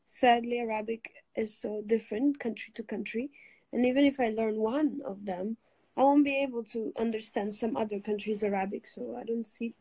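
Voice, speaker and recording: With a fairly high voice, a young adult woman from Switzerland, native Italian speaker, hosts a laid-back phone livestream while lying on a bed. She greets viewers, switches languages and chats easily, phone held at arm's length. The recording is rough, though without echo.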